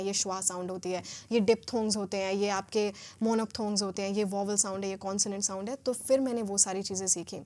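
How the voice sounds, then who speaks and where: A woman's voice: mid-range voice, mellow. A woman from Haryana, a podcast guest who talks in a reflective, self-assured way and moves easily between two languages. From Haryana, India. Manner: mixes Hindi and English fluidly, reflective and self-assured. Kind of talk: podcast interview.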